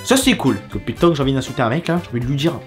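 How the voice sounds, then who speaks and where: A man from France with a French accent, hosting a reaction video in crude, excitable, joking commentary. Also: mid-range voice, very fast, soft background music. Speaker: YouTube host.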